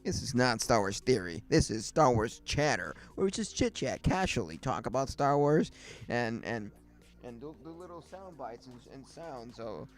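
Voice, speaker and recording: A man's voice: medium pitch, sing-song, moderate pace. Rambling man hosting a casual livestream. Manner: rambling, many fillers and restarts. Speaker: livestream host. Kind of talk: casual chat. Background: faint music.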